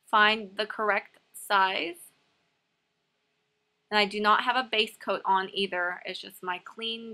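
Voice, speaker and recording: A nail art tutorial host talks viewers through the steps in a casual, instructional voice-over for an informal hobby tutorial. Her woman's voice sits at an average pitch, with a bright, crisp edge.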